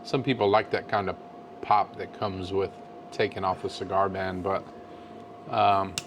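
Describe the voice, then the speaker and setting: A man in a laid-back, halting conversation, giving a casual review as co-host of a cigar show. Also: low voice, flat delivery, background noise.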